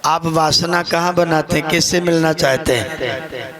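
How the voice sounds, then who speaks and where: A man's voice: fairly high pitch, unhurried, crowd noise. A man preaching a sermon, telling stories, asking rhetorical questions and chanting verses. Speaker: Arya Samaj preacher. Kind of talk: Hindi sermon with anecdotes.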